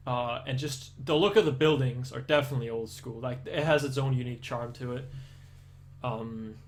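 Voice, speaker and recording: A young Danish man speaks at a medium pitch and moderate pace, aiming for American English with an accent that leans that way. He chats casually with viewers on a live stream, rambling and restarting often.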